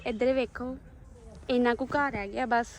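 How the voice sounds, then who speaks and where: A woman's voice: a little high, fairly even intonation, moderate pace, slight background noise, low-quality recording. A woman chatting casually as she films a daily vlog, showing viewers around a rural home and garden. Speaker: vlogger.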